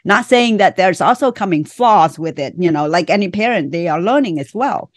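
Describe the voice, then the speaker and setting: A woman's voice: fairly low pitch, animated, normal speed, dry recording. Earnest woman with a Vietnamese accent. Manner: earnest, speaks in short phrases. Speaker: author and guest. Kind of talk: podcast interview.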